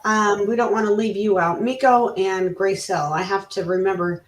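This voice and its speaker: A woman's voice: mid-range voice, fairly even intonation, moderate pace. A woman hosting a live interview, chatty and upbeat, with lots of fillers and laughs. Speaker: interviewer host. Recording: roomy, distant mic.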